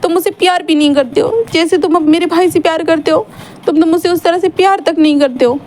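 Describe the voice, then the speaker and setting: A woman's voice: very high voice, quick pace, darkish tone, a little hiss or hum, voice pushed up. A woman voicing a drunk, heartbroken young man who weeps and rambles as he repeats himself. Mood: drunk, tearful.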